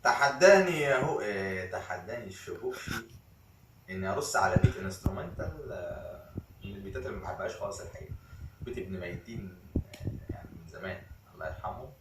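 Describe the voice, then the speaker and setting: A man's voice: low-pitched, lively intonation, fast, reverberant, recorded from a distance, noisy background. A man with an Egyptian accent, a rapper and vlogger chatting loosely in slang between rap takes. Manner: loose, slangy, laid-back talk. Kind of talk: casual chat between freestyle rap takes.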